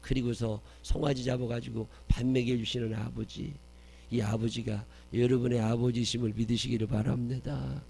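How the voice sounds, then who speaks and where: A man preaching a sermon as pastor, telling stories with loud emphasis and dropping soft for tender quotes. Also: medium pitch, flat delivery, normal speed, creaky, slightly rough.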